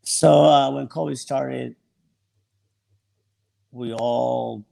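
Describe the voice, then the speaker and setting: Male sommelier guest, gravelly mid-pitched voice, relaxed and unhurried, often feeling for the next word. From El Salvador. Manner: relaxed, searching for words. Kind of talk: casual interview chat.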